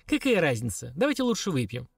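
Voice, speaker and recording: A man's voice: fairly high pitch, huge pitch swings, fast, vocal fry, husky, dry recording, clean studio sound, exaggerated voice. A man voicing a sly young woman who answers offhandedly and mockingly. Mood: scoffing.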